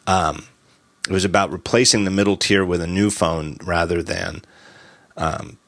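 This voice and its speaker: A man hosting a casual tech podcast, animated and quick to laugh as he spins out hypotheticals. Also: low voice, creaky, no room sound, clean studio sound. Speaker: podcast host.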